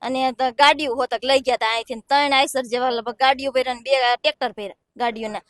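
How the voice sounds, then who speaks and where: A woman's voice: high voice, steady tone, quick pace, a bit bright, no room sound, clean studio sound. A young woman giving distressed, pleading testimony to a reporter. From Gujarat, India. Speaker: villager interviewed. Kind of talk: emotional testimony.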